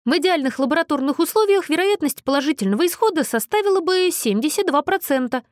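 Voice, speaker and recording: A woman's voice: high voice, lively intonation, fast, dry recording, pitched above the performer's own voice. A woman reading an audiobook, voicing a pedantic young man with a dry, matter-of-fact manner. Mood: offended, reasoning. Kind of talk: audiobook character voice.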